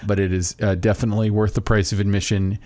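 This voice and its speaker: He talks fast in a lowish, level, darker voice with no room sound. As co-host of a casual podcast, he raves about a beloved film, rambling and stopping himself mid-thought.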